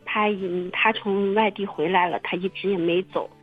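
A woman telling her own story in casual testimony, halting and repeating her words with many fillers. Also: mid-range voice, steady tone. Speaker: testimony guest. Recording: muffled phone-line radio recording.

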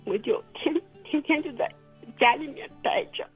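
A woman telling her own story in casual testimony, halting and repeating her words with many fillers. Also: high voice, faint music behind. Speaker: testimony guest. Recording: muffled phone-line radio recording.

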